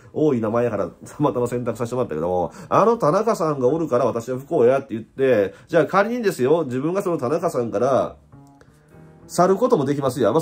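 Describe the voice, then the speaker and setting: Animated man with a husky Osaka accent. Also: mid-range voice. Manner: animated, joking, laughs often. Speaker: host. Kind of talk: casual spiritual talk to camera.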